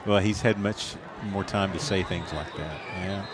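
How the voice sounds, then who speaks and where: A man giving color commentary at a high school football game, good-humored and rambling. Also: unhurried, noisy background. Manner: rambling, good-humored, trails off mid-sentence.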